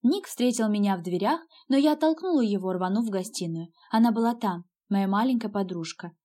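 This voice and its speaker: A woman's voice: medium pitch, animated, fairly quick, mellow. A woman narrating a first-person novel as an audiobook, with an emotional, dramatic delivery.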